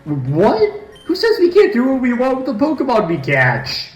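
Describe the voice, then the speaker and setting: A man's voice: extremely high pitch, wildly swooping pitch, normal speed, faint music behind, pitched above the performer's own voice, exaggerated voice. A man voicing a cocky, defiant game villain's henchman with a sneering, exclamatory delivery in an echoey room. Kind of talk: dramatised game dialogue.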